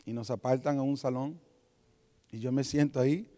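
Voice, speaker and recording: A man's voice: mid-range voice, moderate pace. A man preaching a sermon, telling a personal testimony and acting out the voices of the people in it. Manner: animated storytelling with quoted voices. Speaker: pastor.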